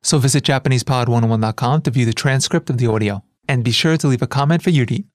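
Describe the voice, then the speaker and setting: A man working as an announcer, giving a scripted, upbeat and brisk promotional reading. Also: medium pitch, dry recording, studio quality.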